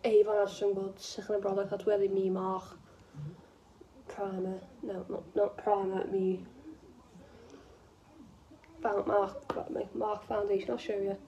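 Doing her makeup at home, a young woman with a northwest English accent chats to camera in a casual, rambling, self-deprecating way, her phone propped close in front. Her voice is mid-range, mellow and level, a little slow with long pauses. The sound is muffled.

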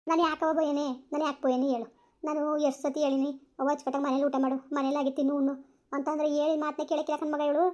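A woman's voice: sits high, little pitch movement, rapid-fire, darkish tone, close to an everyday voice. A woman voicing a worried village mother who nags and pleads with her family. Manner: pleading, scolding. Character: worried village mother, nagging but caring. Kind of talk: village family drama acting.

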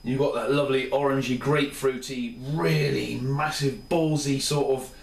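Rambling through a review with easygoing enthusiasm, the tired thirtysomething beer reviewer speaks at normal speed in a mid-range voice with fairly even intonation and some vocal fry. He's far from the camera mic, a few steps away in his small home kitchen, and the sound is roomy and off-mic.

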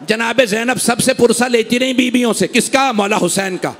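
A man's voice: extremely high pitch, normal speed, a bit bright. A man reciting a Muharram majlis, impassioned and pleading with the gathering. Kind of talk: emotional Muharram majlis sermon. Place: imambargah gathering.

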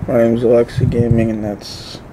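A man casually reviewing a tobacco product with dip in his lower lip, drawn-out and laid-back, repeating words. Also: flat delivery, very noisy.

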